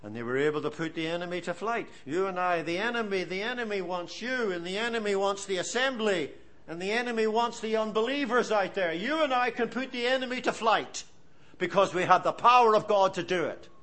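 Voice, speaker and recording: Brisk and high-voiced, a septuagenarian from Ireland with an Irish accent preaches a sermon, earnestly exhorting his listeners through animated storytelling.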